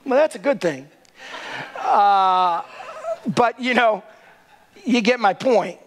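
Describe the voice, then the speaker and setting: A man's voice: sits high, animated, takes it slowly. A middle-aged male pastor preaching a sermon in a large church sanctuary, emphatic and asking the crowd rhetorical questions, often tagging lines with "right?".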